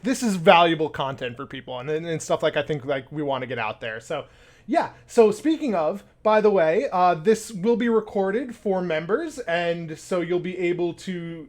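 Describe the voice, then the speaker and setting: High-voiced laughing podcast host man. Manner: laughs often, stammers restarts. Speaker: podcast host and community ambassador. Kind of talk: casual live-stream podcast chat.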